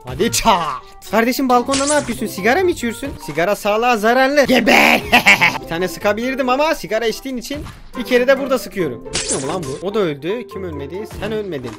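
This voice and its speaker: A man giving jokey, excitable commentary while playing a video game, breaking into yelps and shouts. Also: high-pitched, fast, few pauses. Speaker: gaming YouTuber. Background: game music.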